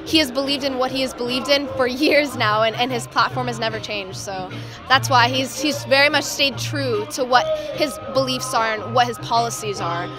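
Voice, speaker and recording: A woman's voice: on the high side, normal speed, music in the background. A woman in her twenties giving a casual interview answer as a voter. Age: 20s. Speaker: rally attendee being interviewed. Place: outdoors near an event stage.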